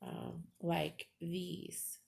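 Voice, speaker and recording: A woman hosting a paranormal session, talking to spirits with solemn questions in a halting, deliberate way on a noisy amateur recording. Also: lowish voice, little pitch movement, vocal fry, darkish tone. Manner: halting, deliberate, pausing between phrases.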